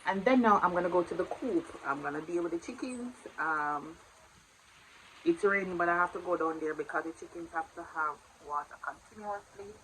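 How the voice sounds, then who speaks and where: A Jamaican-accented woman in her twenties vlogs casually to camera at home on a morning indoors, chatty and warm with her viewers but swinging loud when she plays with her baby. Her pitch is fairly low and her speed normal. The low-quality recording has a little hiss or hum.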